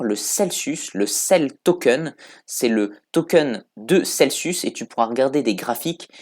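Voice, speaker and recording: A man's voice: a little high, a little mellow. A man casually talking the viewer through an app, step by step, in a chatty tutorial style. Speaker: crypto tutorial host. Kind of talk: casual screen-recorded app walkthrough.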